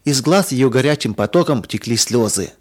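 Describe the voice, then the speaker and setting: Brief: male narrator for a children's storybook, calm and even, mid pitch. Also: moderate pace.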